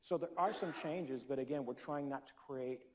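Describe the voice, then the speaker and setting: A man fields audience questions from the stage at a conference. His voice sits at an ordinary middle pitch, and he talks in an earnest, persuasive way, leaning hard on key words. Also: normal speed, darkish tone, a little hiss or hum. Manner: earnest, persuasive, with emphatic stresses. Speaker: keynote speaker. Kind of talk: conference Q&A answers. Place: conference hall.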